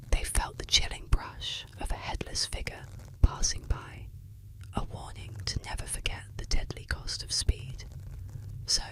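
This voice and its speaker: A narrator telling eerie legends in a breathy, unvoiced ASMR whisper, with scripted, suspenseful delivery. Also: low-quality recording.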